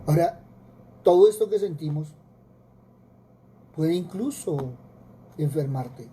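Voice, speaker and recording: Dark-voiced Colombian preacher. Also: male voice, a little high, lively intonation, slow, a little hiss or hum. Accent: Colombian Spanish. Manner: earnest preaching with repetitions and rhetorical questions. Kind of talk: sermon.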